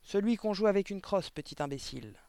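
A man's voice: sits high, fairly quick, clean tone, no room sound, voice pushed up, lightly acted. Man putting on a barking tyrannical headmistress. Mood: sneering. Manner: barking, contemptuous shouting. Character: huge furious tyrannical headmistress barking at children.

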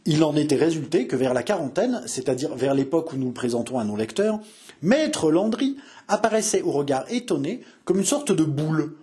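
A man narrating a historical novel as an expressive, theatrical reading. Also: a little high. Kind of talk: scripted audiobook narration.

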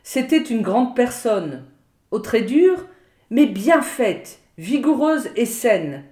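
A woman reading a literary short story aloud in a measured, expressive narrating voice. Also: fairly high pitch. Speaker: audiobook reader. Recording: roomy echo.

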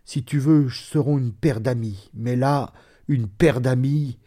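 A man's voice: mid-range voice, takes it slowly, mellow. A man voicing a moved peasant husband who speaks earnestly and with emphasis.

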